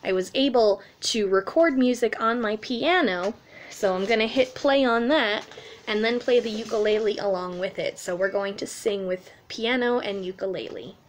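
A children's music teacher in her thirties explains things simply and animatedly for young children during a story time and sing-along, recorded in a small room at home. Her voice is mid-range at a moderate pace, with slight background noise.

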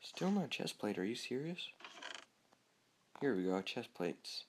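A man's voice: medium pitch, sing-song, measured pace, background noise. A young man giving casual, chatty commentary over his own gameplay, talking to himself and easily startled. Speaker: gamer.

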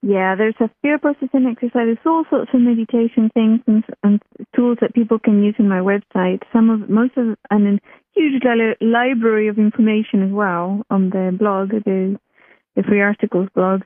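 A woman's voice: medium pitch, steady tone, moderate pace, no room sound. Woman from Chile on a tinny phone line. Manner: chatty, restarts sentences, laughs while telling. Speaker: guest. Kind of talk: casual interview storytelling. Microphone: telephone.

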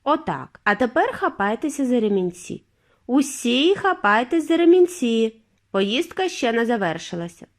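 A gallant, cheerful eccentric gentleman who runs a factory, as a woman plays him in a storybook. His voice is bright and reassuring, with a lively, bouncing pitch. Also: moderate pace. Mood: cheery.

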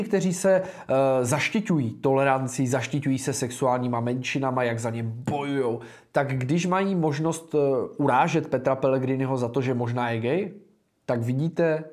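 Young czech guy doing a political livestream, blunt and casual, lots of eh's, normal pitch. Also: darkish tone. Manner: blunt, informal, many filler "eh"s. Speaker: livestream host and political candidate.

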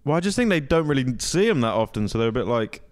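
Young bloke on a podcast, jokey and animated, cracks himself up a lot. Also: male voice, mid-range voice, fast talker. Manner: jokey, laughs a lot, swears casually. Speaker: podcast co-host. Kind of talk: casual chat.

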